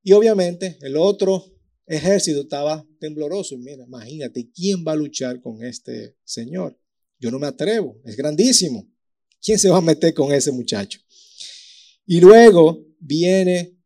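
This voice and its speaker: Lively preacher man with a mellow voice. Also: on the high side, vocal fry. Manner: lively storytelling with acted-out voices and sound effects. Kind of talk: sermon.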